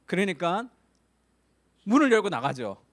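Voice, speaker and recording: Male pastor, middle-aged, high and very animated delivery, acts out voices in his stories. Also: measured pace. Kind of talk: Sunday sermon.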